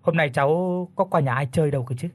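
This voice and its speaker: A sheepish young villager defends himself in a subdued tone, as a man voices him. The voice is husky, low and quiet. It is heard in a narrated ghost story. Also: quick pace, dry recording, close to an everyday voice.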